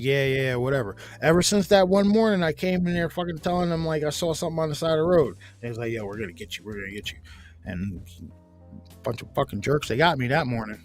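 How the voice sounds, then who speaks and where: Animated, swearing storyteller man. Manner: animated, profane, jumps to loud high yelps when acting out his fright. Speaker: podcast host. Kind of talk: casual storytelling.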